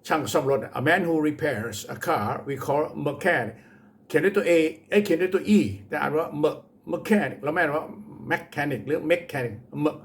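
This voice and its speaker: A man with a Thai accent teaching English pronunciation, speaking slow deliberate English with hesitant fillers, spelling words letter by letter and switching quickly into Thai explanations. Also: a little high. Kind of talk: bilingual pronunciation lesson.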